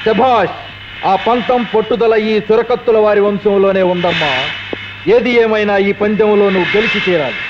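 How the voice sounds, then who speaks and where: An actor playing a proud, commanding middle-aged village landlord who barks threats, heard on a dull old film soundtrack. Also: male voice, moderate pace, background noise, natural voice. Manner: booming, threatening.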